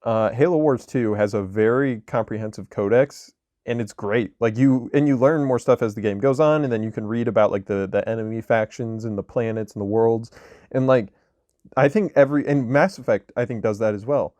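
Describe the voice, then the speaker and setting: A man's voice: medium pitch, brisk, darkish tone, no room sound. Rambling male co-host, mid-range voice, dry close mic, casual games talk. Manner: rambling, lots of likes and restarts. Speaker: podcast co-host. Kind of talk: casual gaming chat.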